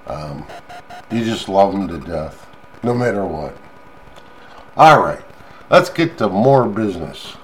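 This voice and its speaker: Older American male vlogger, folksy and unhurried, slightly low voice, loose halting chat. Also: sing-song. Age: older, grandfather. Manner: folksy, chuckling, halting delivery. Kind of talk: rambling casual chat to listeners. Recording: clearly noisy background.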